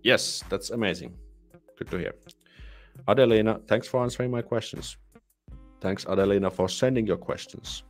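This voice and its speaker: Deep-voiced and yawning, a Finnish livestream host reads out viewer comments during a laid-back live Q&A, stopping and restarting often with quiet laughs. Faint music plays behind him in a small home room with a patterned curtain, and he speaks into a boom-mounted studio mic with headphones on.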